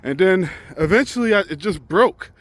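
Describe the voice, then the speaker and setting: A man's voice: high-pitched, lively intonation, normal speed, fairly bright tone, no room sound. A truck driver in his forties, talking candidly and reflectively in a casual vlog while out on a walk, often restarting his sentences as he thinks aloud. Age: 40s.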